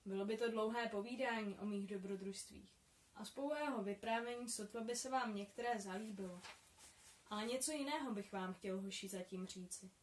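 A friendly young man with a worldly, teasing air, read by a woman in her own voice. He speaks calmly and kindly to two boys, in a storybook read aloud. The voice stays at an everyday middle pitch. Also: roomy sound, a little hiss or hum, close to an everyday voice.

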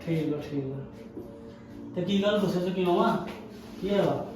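A man playing a patient, kindly husband and elder brother in a family drama, speaking in a calm, reassuring way. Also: sits high, moderate pace, far from the mic, close to an everyday voice. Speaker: actor in a family web drama. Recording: echoey room, faint music.

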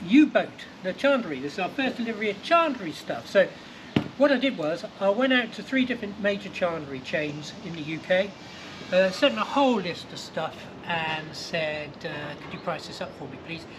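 Older guy talking through his barge work, fairly high voice, lots of yard noise behind. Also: animated, a little fast. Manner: chatty, explains as he works. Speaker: boat-building vlogger. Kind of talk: casual how-to narration. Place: outdoors in a boatyard and inside a barge under refit.

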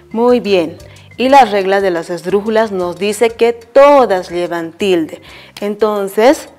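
A woman primary school teacher with a Bolivian Spanish accent gives a televised lesson at a mid pitch. She speaks slowly and patiently, asking the children questions and answering them herself with warm praise in between.

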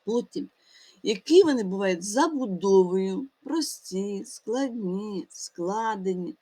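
A woman teaching a grammar lesson to schoolchildren, often calling them children and pausing on fillers and restarts. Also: medium pitch, lively intonation, dark tone.

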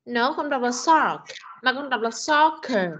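A woman's voice: sits high, steady tone, pushed and bright. Patient Vietnamese woman teaching over a video call. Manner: patient, corrective, slow repetitions. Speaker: English teacher. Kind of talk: online class drilling pronunciation. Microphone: computer mic on video call. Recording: dull lo-fi video call audio.

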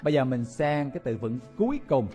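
A man leads a lively memory-trick vocabulary lesson. He exclaims and repeats each new word with playful energy. His voice sits at an ordinary middle pitch, and soft music runs faintly underneath. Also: fairly quick. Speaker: English vocabulary teacher.

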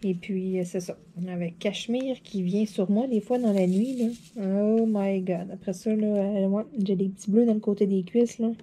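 A woman with a Quebec French accent, chatting casually while crafting, a bit hoarse from a dry throat, rambling and laughing often. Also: mid-range voice, steady tone, moderate pace, few pauses, dark tone, a little hiss or hum. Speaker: diamond painting vlogger.

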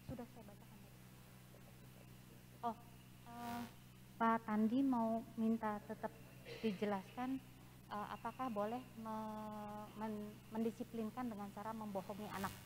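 Lady moderator reading questions off notes, halting, lots of noise behind. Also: a little high, little pitch movement. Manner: halting, reads slowly from notes with fillers. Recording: noisy background.

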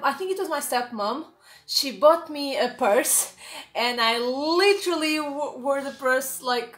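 Her voice is high and fairly bright, bouncing around a reverberant little room at home. She's a young Portuguese vlogger with a Portuguese accent, talking casually to a camera a few feet away, with plenty of fillers and false starts.

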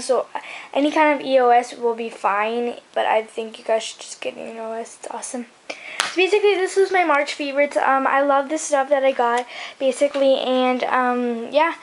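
A woman's voice: high voice, slight background noise, low-quality recording. A young woman vlogger chatting about her favourite beauty products, rambling with lots of fillers and restarts. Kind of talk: casual chat.

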